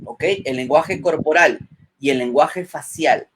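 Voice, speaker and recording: A man's voice: a little high, unhurried, a bit bright, slight background noise. A man giving public speaking advice as a webinar guest, checking in with "ok?" after nearly every point and acting out short example lines. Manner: acts out example lines in a changed voice.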